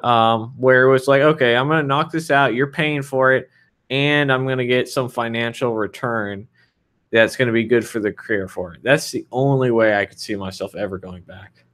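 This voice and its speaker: A man's voice: medium pitch, normal speed, fairly bright tone. Frank rambling man in his thirties. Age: 30s. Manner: loose, rambling, frank with fillers. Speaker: developer answering viewer questions. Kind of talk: casual livestream Q&A.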